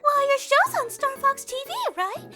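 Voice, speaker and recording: A woman's voice: very high-pitched, animated, moderate pace, pushed and bright, full character voice. A woman voicing a bubbly, bossy young princess in a cartoon dub, with a gushing, mock-regal and theatrical manner. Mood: chirpy. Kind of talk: animated comic dub acting. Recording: playful children's music behind.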